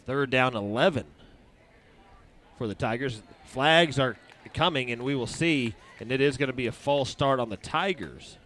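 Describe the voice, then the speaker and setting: Man calling high school football play-by-play. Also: a bit bright. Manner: brisk play-calling with sponsor reads. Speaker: play-by-play announcer.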